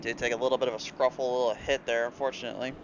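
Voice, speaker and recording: Racing along in a level, mid-range voice, this man calls a racing league broadcast live, full of fillers and false starts. He seems slightly ill and cuts out now and then, and the audio is dull and very noisy.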